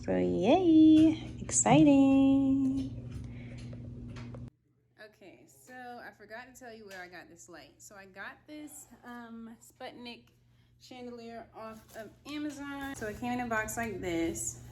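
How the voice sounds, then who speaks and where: A woman chatting informally and excitably in a casual home DIY vlog. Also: a little high, takes it slowly. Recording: noisy handheld home recording.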